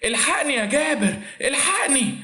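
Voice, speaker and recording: Male narrator putting on a shrill, theatrical Egyptian stepmother who swoops high and wide; audio story, roomy echo. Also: big pitch swings, brisk, a bit bright. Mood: shrieking. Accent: Egyptian Arabic. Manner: shrill, histrionic outbursts.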